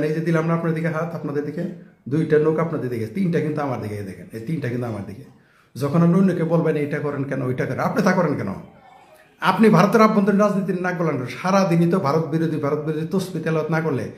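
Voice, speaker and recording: Male commentator, scornful rhetorical style, slightly raised pitch. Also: darkish tone, roomy sound. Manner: sarcastic, mocking, rhetorical questions. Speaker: political commentator. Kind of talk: casual ranting political monologue.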